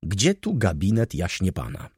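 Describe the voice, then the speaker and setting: A man's voice: low-pitched, huge pitch swings, moderate pace, darkish tone, breathy edge, dry recording, clean studio sound, heavily acted. A man voicing a pompous, self-important male valet who talks down to his masters and the maid. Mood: haughty. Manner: haughty, condescending, commanding.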